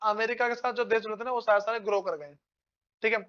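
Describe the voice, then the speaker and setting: A man's voice: high voice, fairly even intonation, fast, a bit bright, clear, resonant tone, highs cut off. A man teaching a class in a casual lecture style, often checking whether his students follow and calling them brother. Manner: casual, keeps asking students if they follow; calls listeners "brother".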